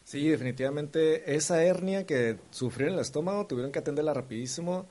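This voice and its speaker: A man's voice: on the high side, fairly quick, mellow. A man hosting a casual sports talk show, upbeat and running through the topics. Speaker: podcast host.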